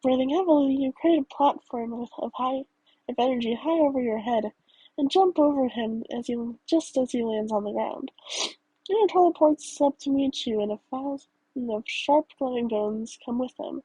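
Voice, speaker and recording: A woman's voice: sits high, moderate pace, warm tone, husky, no room sound, poor audio. A woman narrating a reader-insert fan story aloud, reading in second person with small stumbles and self-corrections.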